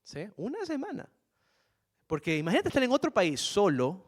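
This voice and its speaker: A man's voice: sits high, huge pitch swings, moderate pace. A middle-aged man from Ecuador, a guest speaker telling a personal story to students in an earnest manner, repeating key phrases and calling them "jóvenes".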